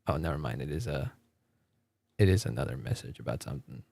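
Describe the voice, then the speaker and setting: A man's voice: extremely low pitch, animated, quick pace, vocal fry, mellow, breathy edge, no room sound. A man whose first language is Spanish, chatting casually on a livestream, laughing often, repeating words and reading chat. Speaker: streamer.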